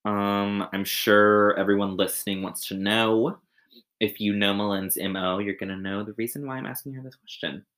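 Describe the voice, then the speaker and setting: A young woman hosting a casual podcast, crude and teasing, often breaking into loud laughter. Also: extremely low pitch, fairly even intonation, moderate pace. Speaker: podcast host.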